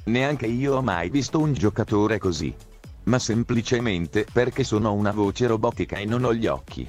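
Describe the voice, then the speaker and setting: Low-pitched deadpan robot guy, voiced by a man, flat synthetic male voice. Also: moderate pace, soft background music.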